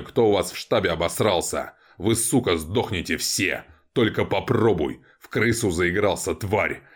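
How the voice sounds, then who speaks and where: A man voicing a furious male mercenary commander who swears and roars in a bassy growl, in an audiobook.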